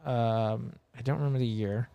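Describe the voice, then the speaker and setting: A man's voice: medium pitch, fairly even intonation, normal speed, creaky, mellow, clear, resonant tone, no echo, highs cut off. A man telling a story as a podcast guest, rambling and full of filler words, swearing a lot, earnest and emphatic. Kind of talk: casual chat.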